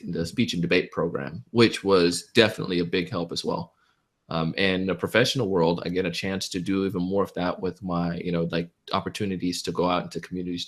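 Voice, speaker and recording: A man from Jamaica, a public speaking champion, talking enthusiastically as a guest in a webinar interview over a video call. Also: low-pitched.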